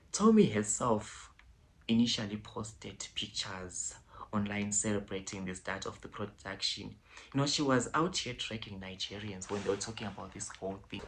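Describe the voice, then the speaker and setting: A man hosting a casual commentary vlog, chatty and digressive, with frequent hushed, whispered asides. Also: on the low side, slight background noise, rough recording. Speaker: vlogger.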